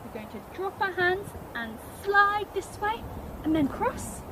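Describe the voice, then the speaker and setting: High-voiced woman teaching a children's dance. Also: big pitch swings, measured pace, background noise. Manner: encouraging, step-by-step instruction. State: out of breath at times.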